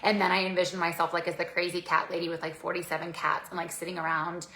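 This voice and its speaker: A woman's voice: on the low side, little pitch movement, fast, pushed and bright. A woman in her forties telling a personal story to camera in a chatty way, full of fillers, acting out what people said. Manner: chatty, many "like" fillers, acts out quotes. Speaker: vlogger. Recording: echoey room.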